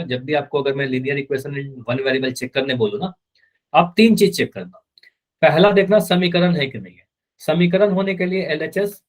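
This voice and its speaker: A man's voice: fairly high pitch, rough recording. A man teaching a live online math class, patiently repeating key points and speaking students' answers for them.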